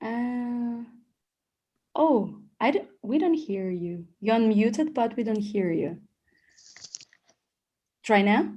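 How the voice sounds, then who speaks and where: A woman with a slightly high voice hosts an online call, encouraging and thanking each guest in turn. She speaks over a video-call mic. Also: lively intonation, takes it slowly, long pauses, dark tone, lo-fi sound. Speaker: host.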